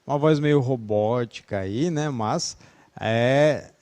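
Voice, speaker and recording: A man's voice: medium pitch, takes it slowly, darkish tone. A male English teacher with a Brazilian Portuguese accent leads an online class, chatty and easygoing, laughing easily and ending sentences with "né".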